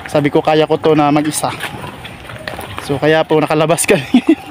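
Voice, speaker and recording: A man with a fairly high voice and an Agusan del Sur accent hosts a casual walking vlog. He coaxes his companion in a gentle, repetitive way, recorded outdoors with a faint hum of street ambience behind him. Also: level tone, normal speed. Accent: Agusan del Sur Filipino. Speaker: vlogger host.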